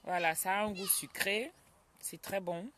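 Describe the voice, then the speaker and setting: A woman's voice: mid-range voice, steady tone, unhurried, noisy background. Chatty woman live-streaming from home. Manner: chatty, greets viewers by name, scolds a crying child aside. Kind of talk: casual live-stream chat.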